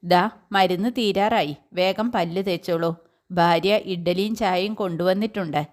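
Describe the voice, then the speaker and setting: A woman doing a kind, gently firm young nurse. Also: lowish voice, steady tone, a little slow, lightly acted.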